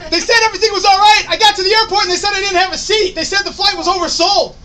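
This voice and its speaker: An American man from Buffalo, New York, giving a rousing pre-game pep speech as a comic story, loud and emphatic, building up each point. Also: very high voice, steady tone, rapid-fire. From Buffalo, New York, United States. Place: crowded bar in Chicago. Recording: distant microphone, noisy bar crowd. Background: bar crowd noise.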